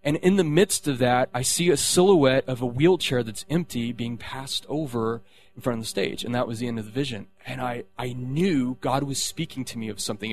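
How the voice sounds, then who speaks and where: A man sharing a personal faith testimony, rambling, with many restarts and fillers. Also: medium pitch.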